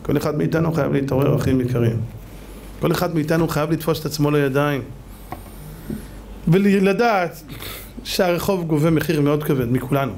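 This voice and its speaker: Rabbi guy preaching hard, high voice, shouts a lot, rhetorical questions, bit of noise behind. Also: pauses often. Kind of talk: fiery sermon.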